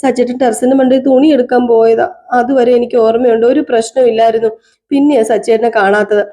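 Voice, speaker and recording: A woman's voice: a little high, steady tone, a little fast, mellow, natural voice. A woman retelling a serial voices a young wife who pleads, upset over her missing husband. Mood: distressed.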